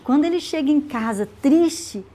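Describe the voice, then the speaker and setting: A woman teaching a women's Bible study, retelling the story in a lively way with acted dialogue. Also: high-pitched, moderate pace.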